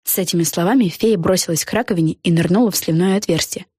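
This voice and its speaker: A woman reading a children's storybook aloud in an expressive, measured manner. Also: fairly low pitch, slightly rough, no room sound, studio quality. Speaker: audiobook narrator. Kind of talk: storybook narration.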